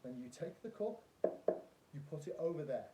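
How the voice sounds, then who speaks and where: A man's voice: expressive, moderate pace, mellow. A man explaining a magic trick step by step as an instructor, emphatically repeating key points. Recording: roomy echo, faint rumbling noise.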